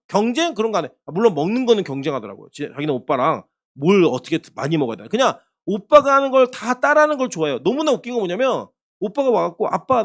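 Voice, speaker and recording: A male pastor delivers a sermon in a conversational, animated way. His voice sits high and moves a lot, rising and falling as he poses rhetorical questions to his listeners.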